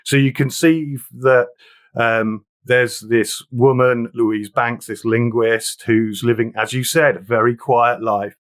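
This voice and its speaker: A man's voice: medium pitch, steady tone, slow. A man talking through a film in a casual discussion, earnest and reflective, sometimes reading passages aloud.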